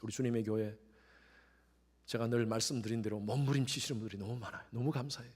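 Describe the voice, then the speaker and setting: A middle-aged male pastor with a medium-pitched voice preaches a sermon, swinging from quiet, intimate lines to sudden loud rises. He acts out the voices he quotes with animated shifts.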